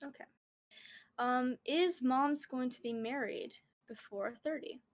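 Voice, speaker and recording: Female streamer guest, young adult, casual and slangy, fairly high voice, recorded dry. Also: slow, no echo. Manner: informal, slangy. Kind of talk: casual chat. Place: small room at home.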